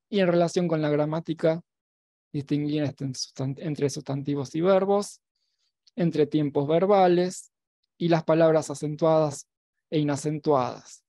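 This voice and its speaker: A man giving an academic talk as a lecturer at a virtual symposium. He pauses and restarts often, with many fillers and tag questions. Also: a little high, warm tone, no echo, clean studio sound. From Argentina. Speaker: university lecturer.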